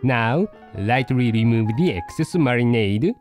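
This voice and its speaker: A calm poodle cooking host , given voice by a man, walks the listener through each step of a recipe. The delivery is slow and unhurried, with an expressive rise and fall in the pitch, in a middle register. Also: faint music behind, lightly acted, poor audio. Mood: patient. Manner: slow, deliberate step-by-step instructions. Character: a poodle dog hosting a cooking show, calm and patient. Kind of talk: scripted recipe narration.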